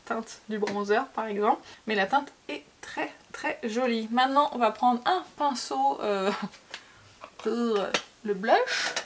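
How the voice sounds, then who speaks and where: A woman's voice: on the high side, slight background noise. A woman from France chatting casually through a makeup tutorial, with frequent fillers and repeated words. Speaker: beauty vlogger.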